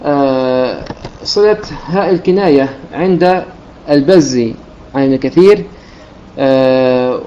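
A man's voice: medium pitch, unhurried, dark tone, highs cut off, a little hiss or hum. A man teaching a religious lesson on Quran recitation rules, explaining step by step and breaking into recited verses.

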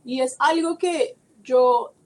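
Woman guest, lively anecdotes, higher-pitched, mellow tone. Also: takes it slowly, a little hiss or hum, poor audio. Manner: animated, acts out quoted people with laughter. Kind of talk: casual conversation.

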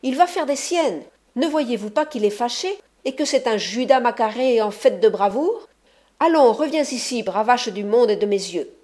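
A woman reading as a shrill, scolding young woman. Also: animated, moderate pace, natural voice. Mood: frantic. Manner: shouting, scolding. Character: shrill quarrelsome young woman, furious and scornful. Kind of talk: audiobook reading.

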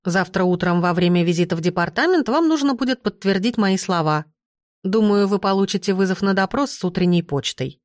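A woman's voice: medium pitch, lively intonation, fairly quick, no echo, studio quality, lightly acted. A woman voicing a stern, self-assured male investigator who speaks formally and coolly in an audiobook. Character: stern confident male imperial investigator, cold.

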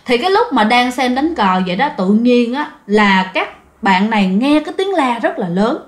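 A woman's voice: a little high, sing-song, normal speed. A woman telling a listener's ghost story in a chatty way, addressing the audience directly. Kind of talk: casual ghost story narration.

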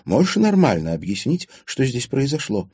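A man voicing a strict, level-headed teenage schoolgirl in an audiobook, brisk and firm. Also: mid-range voice, huge pitch swings, darkish tone, breathy edge, no room sound, studio quality, voice pushed up. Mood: stern.

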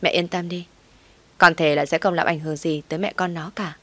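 Woman reading as a coldly calm wronged wife. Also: lowish voice, fairly quick. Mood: cold, firm. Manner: calm and firm.

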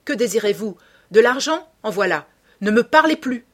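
A woman voicing a proud, tormented young gentleman who turns from weary to furious shouting. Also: medium pitch, animated, normal speed. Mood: angry. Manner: weary, then shouting in anger.

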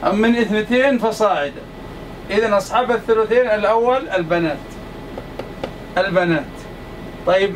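High-voiced man lecturing from afar. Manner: emphatic, repeats points to the class. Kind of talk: classroom lecture. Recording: distant mic, faint air-conditioner hum.

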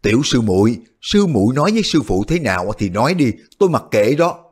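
A man voicing a hot-tempered, blunt and honest short male martial artist who blurts things out loudly. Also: medium pitch, sing-song, brisk, slightly rough. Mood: agitated. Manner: loud, hasty outbursts.

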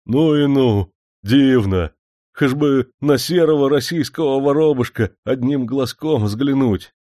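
A man voicing an eager, emotional Russian serf manservant who speaks in drawn-out, fervent exclamations. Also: mid-range voice, expressive, darkish tone, dry recording, clean studio sound, pitched above the performer's own voice. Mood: joyful.

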